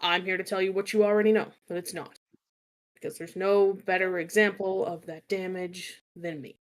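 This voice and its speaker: A woman's voice: fairly low pitch, level tone, moderate pace, close to an everyday voice. A woman voicing Naz, a blunt, guarded young woman who swears and blurts out what she means. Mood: earnest.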